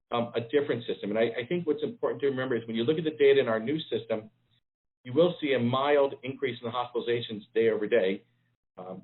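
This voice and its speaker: A man speaks over a thin, tinny conference call line, his voice pitched in an ordinary middle range. He gives a public health briefing in a measured way, often pausing on ums and restarting his sentences. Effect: conference call phone line. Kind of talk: press briefing.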